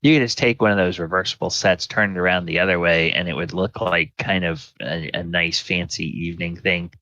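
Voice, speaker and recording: A man casually narrating a tabletop game as game master, explaining things in a halting way. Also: deep voice, steady tone, pushed and bright, dry recording.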